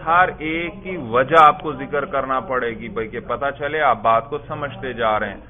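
A man teaching Arabic grammar to a student, asking questions and slowly repeating the correct answers. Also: medium pitch. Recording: tinny phone-like lo-fi audio.

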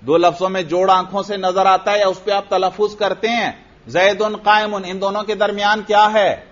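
High-voiced man teaching a grammar lesson. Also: level tone, normal speed, fairly bright tone, muffled recording. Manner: explains by question and answer; repeats points for students. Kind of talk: Arabic grammar lesson in Urdu.

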